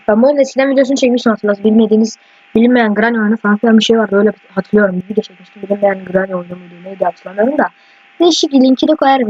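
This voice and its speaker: Excitable high-voiced male gamer. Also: husky. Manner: rambling, excitable, swears often at the game. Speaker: gaming YouTuber. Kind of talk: casual let's-play commentary. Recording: dull lo-fi mic with faint hiss.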